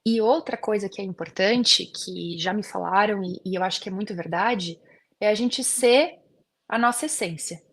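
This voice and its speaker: This is a dentist being interviewed in a casual chat, a woman whose voice sits at medium pitch and moves at normal speed. She talks earnestly, dropping in many fillers such as "assim."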